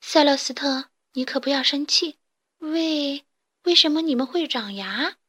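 Woman doing a high, curious little chick boy for a storybook, wide-eyed. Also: a little slow, fairly bright tone. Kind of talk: storybook character voice.

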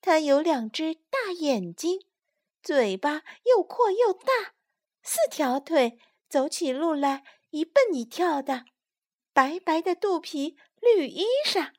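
A woman voicing a chorus of small, eager tadpole children in a storybook reading, with a high, pleading tone. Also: big pitch swings, takes it slowly, a little mellow, exaggerated voice.

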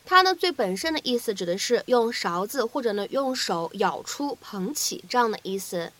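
A woman whose first language is Chinese teaches English pronunciation, explaining each sound and slowly repeating phrases for practice. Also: a little high, animated, fairly bright tone, rough recording. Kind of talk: explanatory lesson narration.

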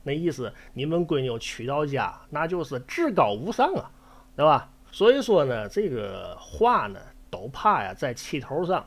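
A husky man hosts a storytelling show in a chatty, folksy manner. His pitch swings widely as he acts out the quoted lines. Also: very animated, moderate pace. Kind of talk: casual storytelling commentary.

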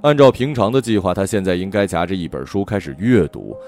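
Male audiobook narrator, low voice, lively delivery, faint music under him. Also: a little fast. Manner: expressive, gentle storytelling. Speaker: storyteller.

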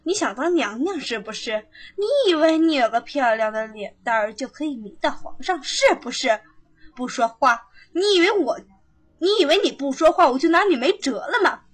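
A woman's voice: sits high, animated, moderate pace. A woman playing a cruel old female palace servant who taunts and bullies a prisoner. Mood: menacing. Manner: taunting, bullying. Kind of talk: period palace drama acting.

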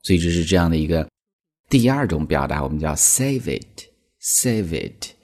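A man's voice: extremely low pitch, expressive, fast, a little mellow. A man teaching English in a chatty, explanatory way, filling his talk with small connecting words. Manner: chatty, explanatory, frequent "那么" fillers. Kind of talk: language lesson explainer.

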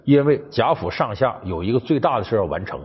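A man giving a colloquial, animated storytelling lecture on a classic novel, speaking straight to his listeners. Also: medium pitch, fast, husky. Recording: dull, with background music.

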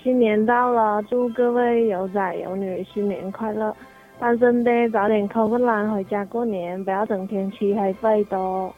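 A woman of middling pitch gives a greeting with a Nanning Mandarin accent. The recording is thin and phone-like, with faint music. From Nanning, Guangxi, China. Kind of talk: New Year video greeting.

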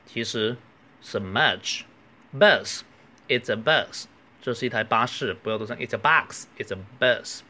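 A man with a Cantonese accent teaching English phrases, reading each line slowly and carefully, then explaining. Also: lowish voice, bright, forceful tone. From southern China. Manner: slow, careful model phrases between quick explanations. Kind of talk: language lesson.

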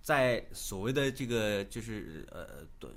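A man hosting a radio call-in show, chatty and quick to exclaim. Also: lowish voice. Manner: animated, chatty, laughs and exclaims. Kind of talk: lively radio chat.

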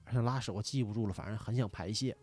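A man telling a story in casual chat, animated and swearing, shouting out parts of the tale. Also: lowish voice, quick pace, breathy edge. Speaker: podcast guest.

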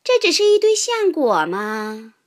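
A woman voicing an eager, excitable young fox in a storybook. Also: measured pace, exaggerated voice. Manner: high and excited.

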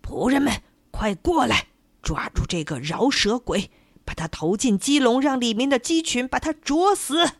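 A woman voicing a greedy, cruel male landlord who shouts angry orders at his servants in a storybook tale. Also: high voice, sing-song, unhurried, no room sound, voice pushed up, full character voice. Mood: furious.

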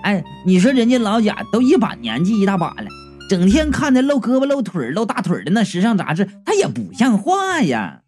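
A man's voice: high-pitched, huge pitch swings, a little fast, darkish tone, faint music behind. A man voicing a group of indignant, gossipy middle-aged aunties at a matchmaking agency. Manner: complaining, gossipy.

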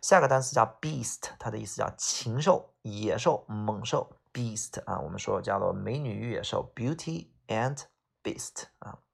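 Male tutor running through exam vocabulary with a gravelly voice, patient, drawn-out English repeats. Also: lowish voice, expressive. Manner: explains in Chinese, repeats English words slowly, frequent "OK啊" tags.

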